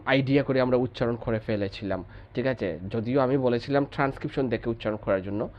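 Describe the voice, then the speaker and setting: A man's voice: mid-range voice, muffled recording. A man teaching an online phonetics class. He keeps asking rhetorical questions and checking with "okay?".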